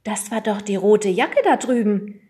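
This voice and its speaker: A woman voicing a brisk, questioning female school headmistress in a children's story. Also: mid-range voice, dark tone, natural voice.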